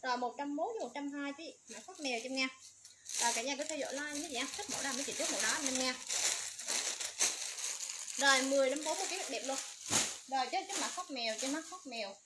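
A livestream seller talks briskly in a high voice, repeating codes and prices in a steady sales patter. Loud background noise and crinkling packaging sit beneath her voice.

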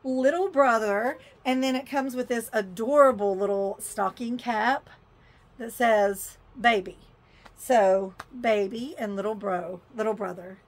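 Speaking a little slowly in a slightly high voice, a woman vlogs her shopping haul unboxing. She keeps it chatty, exclaiming and muttering as she handles the items.

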